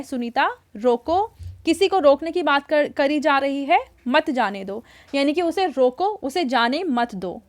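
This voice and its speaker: A woman teacher patiently explaining a worksheet to children, repeating words slowly and checking that they follow. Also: high-pitched.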